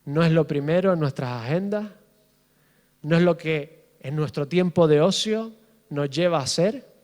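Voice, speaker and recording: A man's voice: fairly high pitch, lively intonation, a little slow, a little mellow. A middle-aged man preaching a sermon as pastor, passionate and building with repetition. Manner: impassioned, rising in fervor with repetition. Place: church hall. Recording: reverberant church hall.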